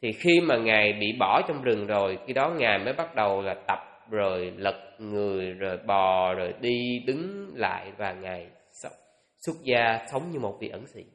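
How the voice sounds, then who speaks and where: Echoey monk giving a talk. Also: male voice, lowish voice, fairly bright tone. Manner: unhurried, thinking aloud with many pauses and fillers. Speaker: Buddhist monk teaching. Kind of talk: dharma talk. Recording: echoey hall with long reverb.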